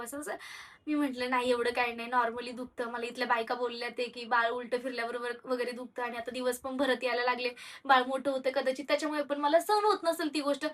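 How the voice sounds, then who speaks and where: Young woman vlogger, candid and rambling, bright tone, distant mic. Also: high-pitched. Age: young adult. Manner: candid, rambling, with frequent hesitations and restarts. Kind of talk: personal storytelling to viewers.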